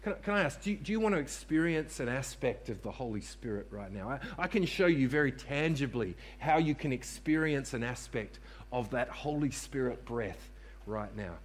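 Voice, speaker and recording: A man's voice: mid-range voice, expressive, moderate pace, few pauses. A man preaching a sermon to a congregation in church, repeating key phrases for emphasis and calling on listeners to respond. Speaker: pastor.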